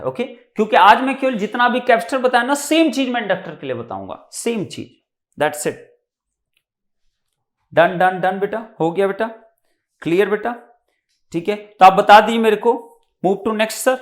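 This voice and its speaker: A man's voice: sits high, very animated, moderate pace, reverberant. A man with an Indian accent teaching a live online exam-prep class, often repeating points and checking that students have understood.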